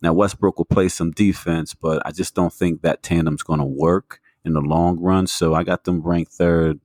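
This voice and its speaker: A man's voice: low voice, fairly even intonation, normal speed, darkish tone, dry recording, clean studio sound. A man co-hosting a sports podcast, making his case with stats and lots of fillers. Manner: argues a point with stats, many fillers. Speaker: podcast co-host. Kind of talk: casual sports talk.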